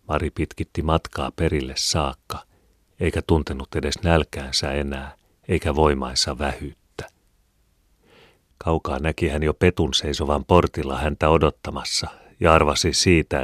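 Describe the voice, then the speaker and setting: A man narrating a classic novel as an audiobook reader, in a calm, measured storytelling manner. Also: rumbling low, no room sound, clean studio sound.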